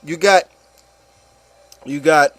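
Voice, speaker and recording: A man on the high side drags out his words, with no echo in the recording. Exasperated and blunt, he rants with a co-host on his informal opinion show, swearing, stammering and repeating words and phrases.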